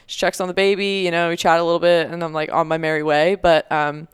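A woman's voice: fairly low pitch, level tone, fast, smooth, no echo, studio quality. A young woman co-hosting a podcast, chatting casually with lots of fillers and easy laughter. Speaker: podcast co-host. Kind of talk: casual chat.

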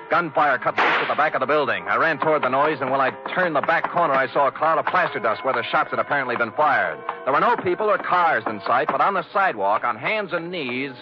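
A man's voice: mid-range voice, natural voice. A hard-boiled private eye with a dry, wisecracking delivery. A man plays him as narrator and lead of a vintage radio drama. Music plays under the dull, muffled sound of an old broadcast.

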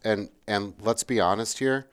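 A man's voice: fairly low pitch, a little slow, a bit bright, smooth. A man in a casual history chat, rambling and checking in with his partner as he goes.

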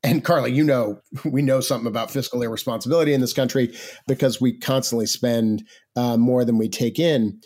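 A man's voice: mid-range voice, a little mellow. A man giving conversational expert commentary as a podcast guest, informal and explanatory, checking in as he goes. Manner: informal, explanatory, checks in with "right?" and "you know". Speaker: podcast guest, financial policy advocate.

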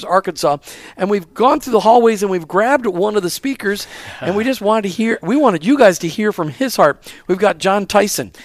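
A man's voice: sits high, dry recording, clean studio sound. A man hosting an interview show on location, talking in an enthusiastic, chatty way. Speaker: show host.

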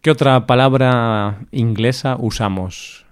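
Relaxed man musing on words. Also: medium pitch, slow pace, smooth. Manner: relaxed, thinks aloud with fillers. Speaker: podcast co-host. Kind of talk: casual chat about Spanish loanwords.

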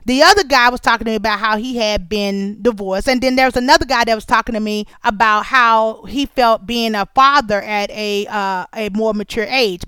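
A woman hosting a show, telling a long story in a chatty, animated and colloquial way, with asides to her listeners. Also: a little high, clean tone, no room sound. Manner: chatty, nosy and animated, talking straight to listeners; colloquial, drawn-out asides and repeated phrases. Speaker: podcast host. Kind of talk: casual storytelling monologue.

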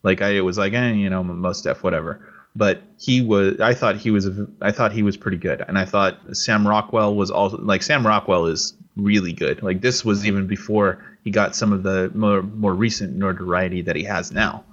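A man's voice: fairly low pitch, fairly even intonation, moderate pace, few pauses, fairly bright tone, highs cut off. A man co-hosting a podcast in casual chat, rambling with restarts and fillers. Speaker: podcast co-host.

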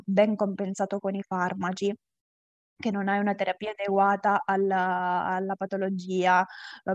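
A woman's voice: medium pitch, darkish tone, dry recording, lo-fi sound. Woman with a Calabrian southern Italian accent. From Calabria, southern Italy. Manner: halting, repeats phrases and loses her thread. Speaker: interview guest, patient advocate with an awareness page. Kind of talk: casual conversational interview.

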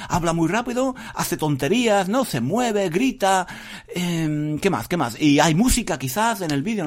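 A man giving a casual Spanish lesson podcast, repeating phrases emphatically and speaking straight to learners. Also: high voice. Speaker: Spanish teacher.

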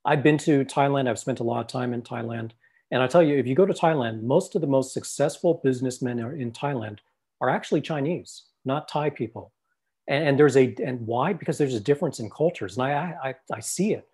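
A husky-voiced man from the United States, talking in a middle-pitched voice as co-host of a faith discussion. He is earnest and often repeats his opening words as he gets going. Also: a little fast, a little mellow. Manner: earnest, stammering repetitions.

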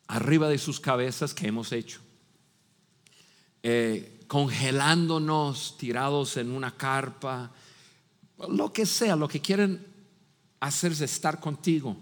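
A middle-aged man, a pastor preaching a sermon with animated storytelling, shouting and laughing as he acts out voices. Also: medium pitch. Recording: long reverb of a large hall.

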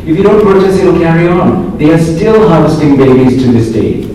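Male friar, from Singapore, chatty lecturer who keeps asking "okay?"; warm low tone, booming roomy echo. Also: expressive, moderate pace, a little hiss or hum. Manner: conversational, checks in with "okay?", dry jokes. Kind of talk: informal lecture to a group. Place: large room in a pilgrim house. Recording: very echoey hall, distant mic.

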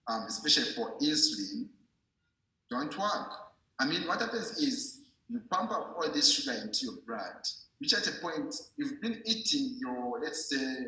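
This man's mid-range voice is bright with a forceful tone as he gives an informal, didactic medical explanation. He repeats himself and checks the listener's understanding, and the recording comes from a very echoey room.

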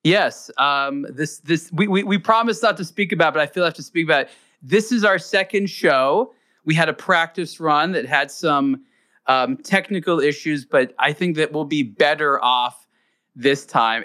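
A man's voice: a little high, normal speed, sharp tone, clean tone. A man hosting a podcast interview, chatty and loose, often repeating words as he starts a thought. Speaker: podcast host. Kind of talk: casual interview.

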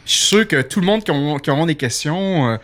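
A man with a Québécois French accent hosting a casual radio chat, animated and full of fillers. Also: a little high, fairly quick. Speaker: podcast host.

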